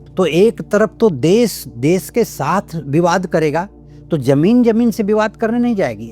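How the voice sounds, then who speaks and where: A man's voice: fairly high pitch, darkish tone. An older man, an astrologer, explaining in a lecturing way and listing his points one by one. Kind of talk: explanatory astrology talk to camera.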